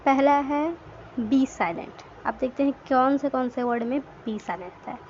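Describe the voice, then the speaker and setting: A woman's voice: high voice, moderate pace, darkish tone. Woman teaching, spelling words aloud. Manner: asks questions and answers them herself; mixes English words into Hindi. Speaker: English grammar teacher. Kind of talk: classroom lesson explaining words. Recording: dull lo-fi recording with faint noise.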